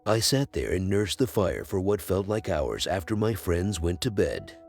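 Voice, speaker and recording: A man narrating a first-person horror story in scripted narration, with a measured storytelling delivery. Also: sits low, very animated, darkish tone. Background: faint music.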